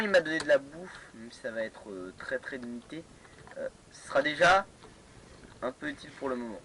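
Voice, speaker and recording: A young-sounding man chatting through his game session, stumbling over words and filling pauses. His voice sits at a middle pitch. A steady hiss of background noise runs under the recording. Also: poor audio. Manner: hesitant, many fillers and restarts, laughing to himself. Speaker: gamer playing a modded block-building game. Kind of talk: casual let's play commentary.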